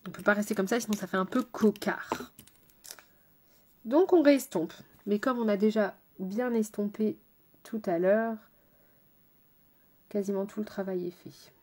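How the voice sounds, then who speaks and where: A chatty woman makeup artist explains her steps as she works, at a middling pitch. Her tone is casual and direct, and she tosses playful asides to someone off camera. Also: measured pace, long pauses, a little mellow. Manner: chatty, addresses viewers directly.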